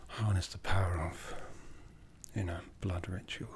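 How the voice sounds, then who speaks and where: A low-voiced man with a steady tone voices an ancient, brooding vampire lord for ASMR, his soft speech breathy and hushed and drifting into whispers, with a little hiss or hum audible. The character is commanding, courtly and softly menacing, and the delivery is deliberate, solemn and intimate.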